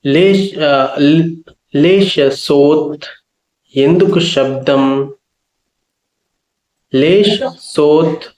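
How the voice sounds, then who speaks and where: A man's voice: fairly high pitch, darkish tone, echoey room. A man teaching a spoken language lesson, patiently repeating each phrase and its meaning.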